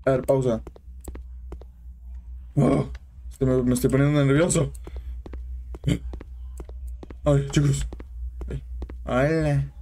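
A man's voice: mid-range voice, steady tone, slow, long pauses, mellow, a little hiss or hum. A young man with a Mexican accent giving casual commentary on a horror game, jumpy, yelping and swearing at scares, chatting with his viewers. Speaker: gaming channel host.

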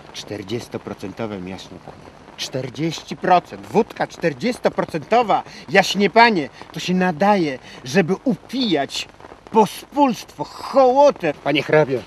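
An actor playing a fawning, old-fashioned male servant who lingers on his pauses and swells into theatrical declamation. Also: fairly low pitch, slight background noise, natural voice, low-quality recording. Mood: indignant. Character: fawning old-world male servant, lamenting a lost estate. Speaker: servant guiding a count through the estate. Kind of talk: film acting.

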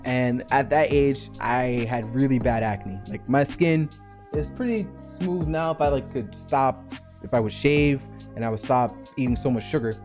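A young man telling a personal story to camera in a casual, animated way, acting out the scenes and filling his speech with fillers. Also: medium pitch, measured pace, faint music behind. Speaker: vlogger.

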